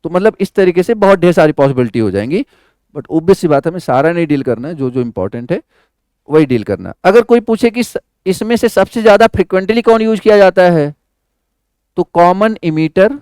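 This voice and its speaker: High-voiced man lecturing. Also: expressive, a little fast, a little mellow, smooth, no echo, studio quality. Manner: quizzes students with repeated questions; mixes English terms into Hindi. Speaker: electronics teacher. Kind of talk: classroom lecture.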